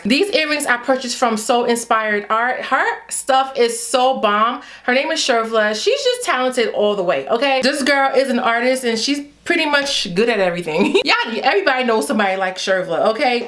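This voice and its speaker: A young Haitian woman, a beauty vlogger with a Haitian accent, speaks in a high, fairly bright voice. In her casual hair vlog she's playful and chatty, talking straight to her viewers with y'all.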